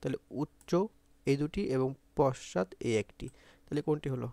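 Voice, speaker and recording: A man's voice: medium pitch, moderate pace, gravelly, warm tone, dry recording. A man with a Bangladeshi Bengali accent teaching an exam-prep grammar lesson, repeating points and asking pupils to say sounds aloud.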